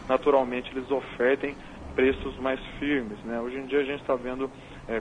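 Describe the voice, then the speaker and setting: A man with a Brazilian accent, a market analyst, explaining prices in a measured, analytical way while heard over a phone line. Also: mid-range voice. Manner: measured, analytical, tags points with "né?". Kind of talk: explaining market figures on a call-in interview. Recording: dull phone line with faint noise.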